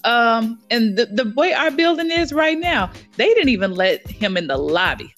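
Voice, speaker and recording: A woman co-hosting a casual podcast chat, telling stories with big pitch jumps. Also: moderate pace, soft background music. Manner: animated storyteller, lively pitch jumps. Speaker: podcast co-host.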